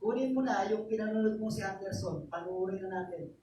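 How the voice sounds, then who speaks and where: A man's voice: high-pitched, brisk. A man preaching a sermon as pastor, telling a story in a mix of Tagalog and English and often asking "diba?". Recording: echoey, distant church recording with noise.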